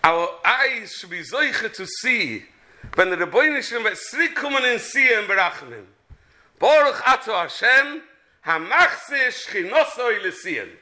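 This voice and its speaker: A man's voice: sits high, sing-song, a little slow, sharp tone. A man with a Yiddish-inflected British accent gives an impassioned religious sermon as a rabbi, mixing English and Yiddish and repeating phrases for emphasis. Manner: switches between English and Yiddish.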